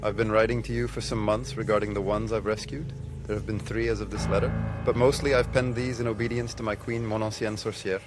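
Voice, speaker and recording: A man voicing an obsessive male stalker who writes formal, old-fashioned letters, read gravely over music. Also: lowish voice, flat delivery, brisk, close to an everyday voice. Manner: formal, archaic, grave reading.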